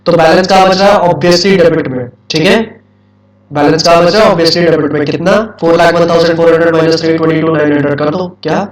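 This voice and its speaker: A high-voiced man lectures an accounts class, firing questions at his students and repeating the key points. He is recorded from far off in an echoey classroom. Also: steady tone, fast talker. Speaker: accounts teacher.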